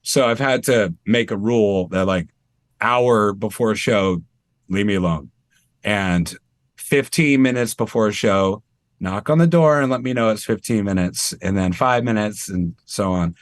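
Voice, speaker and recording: A tribute performer from Maine chats casually as an interview guest over a video call, animated and self-deprecating. His voice is fairly low and measured in pace, with no room sound.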